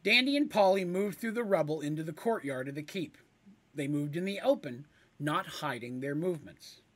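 Lively man narrating a fantasy tale. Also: fairly high pitch, moderate pace. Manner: lively, rambling, casual. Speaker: storyteller. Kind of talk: fantasy game storytelling narration.

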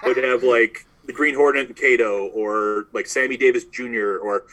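A man's voice: mid-range voice, fairly even intonation, normal speed, a bit bright, poor audio. A man co-hosting a podcast in casual chat, wry as he tells a story. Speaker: podcast co-host.

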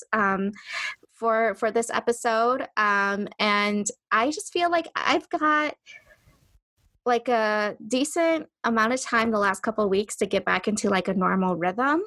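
A woman's voice: mid-range voice, fairly bright tone, no room sound. Woman co-hosting a podcast, close dry sound. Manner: informal, uses "like" often. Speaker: podcast co-host. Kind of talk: casual podcast chat.

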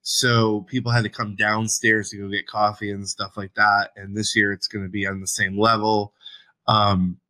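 A man's voice: on the low side, little pitch movement, moderate pace, bright, forceful tone, low-quality recording. A man co-hosting a podcast, chatting casually in a rambling way with many restarts. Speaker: podcast co-host. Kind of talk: casual chat.

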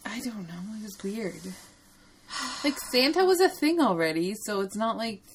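A woman's voice: medium pitch, sing-song, normal speed, slight background noise. Giggly woman chatting about a movie. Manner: giggly, casual, swears. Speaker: podcast co-host. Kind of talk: casual chat about a movie.

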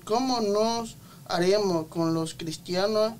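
A man's voice: sits high, takes it slowly, darkish tone, a little hiss or hum. A man on a religious talk show reading out viewer comments and prayer requests. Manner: reading messages aloud.

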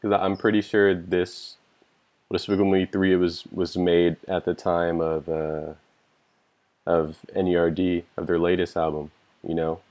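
Very deep, flat-voiced man. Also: a little slow. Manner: loose, enthusiastic, swears casually, many likes and you knows. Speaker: podcast guest. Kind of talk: casual music chat.

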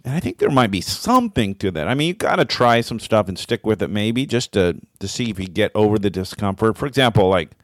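Low-voiced, animated male podcast co-host. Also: brisk, few pauses, dry recording, clean studio sound. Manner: reflective, searching for words, lots of fillers. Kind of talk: casual conversational podcast chat.

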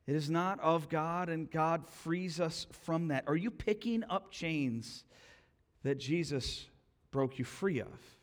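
A man preaching a sermon as pastor, telling personal stories with animated dialogue and dropping to a quiet hush for solemn points. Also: a little high, slow. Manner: animated storytelling, acting out both sides of a quarrel.

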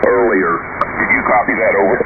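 A man's voice: on the low side, steady tone, a little fast, vocal fry. A man working as an amateur radio net operator, relaying reports over shortwave radio with call signs. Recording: very noisy, tinny shortwave radio.

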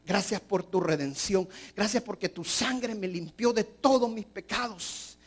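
Man doing a pious but selfish praying woman, high voice, pleading then brushing off requests. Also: measured pace. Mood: pleading prayer. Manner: pleading prayer, brusque refusals.

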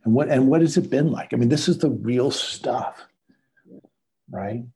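Dark, husky-voiced male pastor interviewing. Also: mid-range voice, a little slow. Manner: warm, encouraging, excitable. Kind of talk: church interview.

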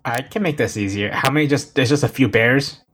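A man talking casually and haltingly as a player in a tabletop game. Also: mid-range voice, fairly bright tone, slightly rough. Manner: hesitant, halting.

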